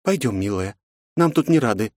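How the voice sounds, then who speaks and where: A man's voice: mid-range voice, expressive, normal speed, darkish tone, no echo, clean studio sound, voice pushed up, lightly acted. A man voicing a stern, protective aunt who scolds sharply and mocks. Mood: soothing.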